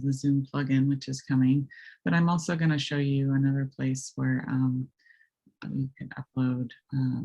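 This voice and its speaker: A woman with a raspy voice presenting a webinar, walking through software step by step with many hesitant ums. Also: very deep voice. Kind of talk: screen-share software walkthrough.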